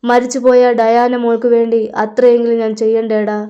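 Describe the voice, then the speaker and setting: A woman's voice: a little high, flat delivery, fairly quick, dark tone, clear, resonant tone, close to an everyday voice. A woman reading the part of a drunk, grief-stricken young man swearing revenge, in a raging storyteller's delivery on a slightly dull recording.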